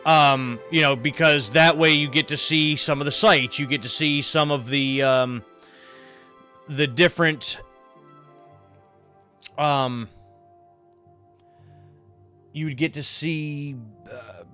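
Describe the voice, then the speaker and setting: A man's voice: a little high, steady tone, slow, long pauses, sharp tone, faint music behind. A tired man giving rambling gameplay commentary on a livestream, thinking aloud with many fillers, over a headset mic. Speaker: streamer.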